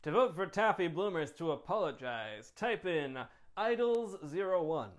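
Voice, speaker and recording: A man's voice: sits high, very animated, a little slow. A man acting as game master, announcing during a tabletop game show.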